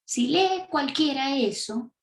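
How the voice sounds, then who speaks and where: A woman's voice: high-pitched, expressive, slow pace. A woman with an Argentine accent preaching a teaching sermon, emphatic and full of rhetorical questions. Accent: Argentine Spanish. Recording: echoey room.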